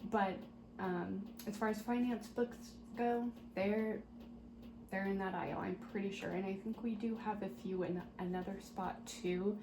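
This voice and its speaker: A woman doing a soft-spoken, ASMR role-play as a helpful, patient librarian, talking gently and politely as if serving patrons at the desk. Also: medium pitch, steady tone, unhurried. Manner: gentle, polite customer-service talk with small murmured asides. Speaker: ASMR performer playing a librarian at a checkout desk. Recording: roomy echo, clear background noise.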